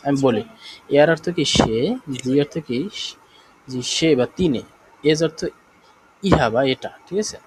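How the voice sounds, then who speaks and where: A man's voice: medium pitch, slight background noise, low-quality recording. Bangladeshi man teaching a live class. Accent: Bangladeshi Bengali. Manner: explains slowly, repeats and checks understanding. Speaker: German language teacher.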